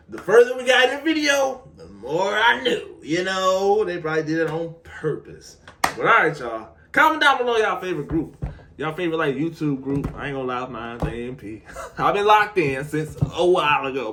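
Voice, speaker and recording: Young man chatting loosely over a noisy mic. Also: on the high side. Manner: laid-back slangy chatter, trailing off into mumbles. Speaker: reaction video host. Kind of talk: casual reaction commentary.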